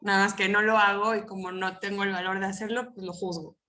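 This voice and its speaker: A woman's voice: medium pitch, flat delivery, fast, bright, forceful tone. A woman sharing a thought hesitantly in a group session. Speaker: workshop participant.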